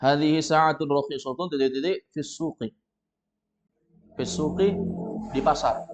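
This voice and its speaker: A man with an Indonesian accent teaching a classroom lesson, patiently correcting students step by step and reading sentences out slowly. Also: a little high, steady tone, soft background music. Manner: reads sentences out slowly and loudly. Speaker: Arabic teacher. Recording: dull lo-fi recording.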